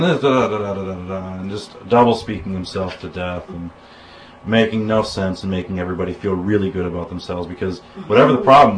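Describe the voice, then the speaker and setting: A man from the United States tells stories in loose, rambling conversation. He keeps restarting his sentences and acting out bits of dialogue in a fairly low voice, with a faint hiss behind him. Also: rough recording. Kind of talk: casual conversation, telling anecdotes.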